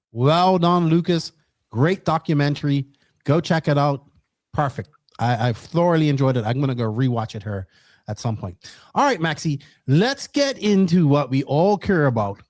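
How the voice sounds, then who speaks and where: A man co-hosting a casual podcast, excitable, swearing and whooping with enthusiasm. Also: a little high, no echo, studio quality. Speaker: podcast co-host.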